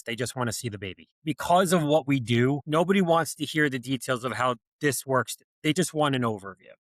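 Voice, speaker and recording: Guest, man, New Jersey accent, mid pitch, direct and down to earth. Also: fairly bright tone, dry recording, rough recording. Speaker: guest, accounting firm founder. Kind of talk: casual interview chat.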